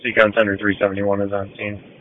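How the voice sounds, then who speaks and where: A man's voice: lowish voice, monotone, quick pace. A man on a fire tender crew giving procedural status reports over radio from a vehicle. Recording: muffled radio with faint vehicle noise.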